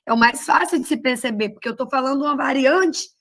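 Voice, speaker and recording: A woman's voice: sits high, quick pace, a bit bright. A woman teacher with a Cearense Brazilian accent, explaining a lesson in a chatty, affectionate way to her class. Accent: Cearense Brazilian Portuguese. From Ceará, Brazil. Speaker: Portuguese teacher. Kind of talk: online class lecture.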